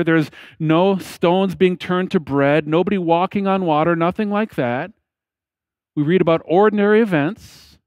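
A man in his fifties preaching a sermon from a church lectern on a headset mic, slow and deliberate, with emphatic pauses and phrase ends that fall away. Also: a little high, a little mellow, no room sound. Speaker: pastor. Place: church platform behind a lectern, indoors.

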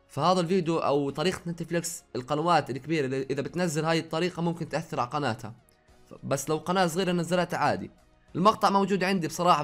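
A young man with a Jordanian accent mixed with some Saudi words, chatting in a casual Q&A vlog from his own room, reading out viewers' questions and answering them. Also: a little high. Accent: Jordanian Arabic with some Saudi words. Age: young adult. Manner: rapid, chatty, reads viewer questions aloud then answers. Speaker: YouTuber.

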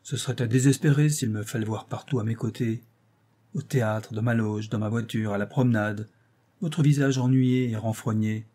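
A man's voice: medium pitch, fairly even intonation, moderate pace, dark tone, close to an everyday voice. A male audiobook reader voicing a scornful, cruel young actress who taunts her lover with icy mockery. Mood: mocking. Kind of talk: audiobook reading.

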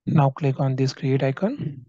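A man walking through a software screen recording as a trainer, explaining each field and often checking in with "right?". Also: mid-range voice, measured pace, dry recording, dull audio. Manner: explanatory, frequent tag "right?".

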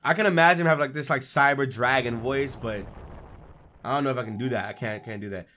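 A young man giving excitable, mocking commentary while playing a game. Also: mid-range voice, fast, a little hiss or hum. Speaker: let's play gamer. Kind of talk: gameplay commentary. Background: faint game music.

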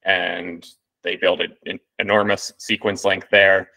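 A man's voice: low-pitched, flat delivery, a little slow, creaky, pushed and bright, low-quality recording. A man presenting a machine learning paper to a reading group, in a casual walkthrough with many ums and restarts.

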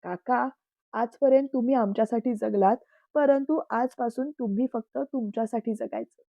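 A man's voice: extremely high pitch, normal speed, gravelly, dark tone, dry recording. A woman voicing a remorseful young man who pleads close to tears in a storybook reading. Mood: cheerful.

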